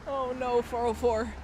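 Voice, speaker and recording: Reading viewer comments on an outdoor night stream through city streets, this IRL streamer is chatty and laughs often. Her fairly high voice has a darkish tone and a slight nasal quality from a cold, with a little hiss or hum in the recording.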